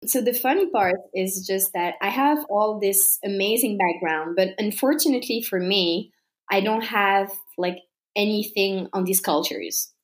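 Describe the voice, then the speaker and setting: A woman in her thirties speaks with a French accent in a relaxed conversational interview. She talks freely and warmly, dotting her sentences with fillers and easy laughter. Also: medium pitch, unhurried. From France. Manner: chatty, laughs often, many fillers. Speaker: interview guest.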